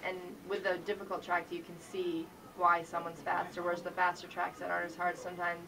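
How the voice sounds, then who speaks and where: Lower-voiced woman, distant and noisy recording. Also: completely flat delivery, fairly quick. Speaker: athlete guest on a radio show. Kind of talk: casual interview chat. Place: radio studio. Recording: off-mic sound with clear background noise.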